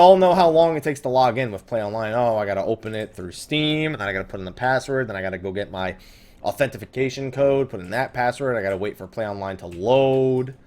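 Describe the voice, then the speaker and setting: A man whose voice sits on the low side and sounds slightly mellow hosts a let's play series. His video game commentary is casual, with plenty of swearing and sarcastic griping.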